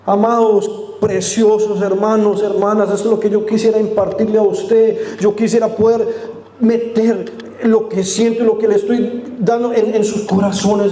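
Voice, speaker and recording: Male pastor, high mellow voice, earnest sermon, roomy church mic. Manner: earnest, addressing the congregation directly; dramatic drops to a hushed voice for quotes. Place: church sanctuary. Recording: echoey church room.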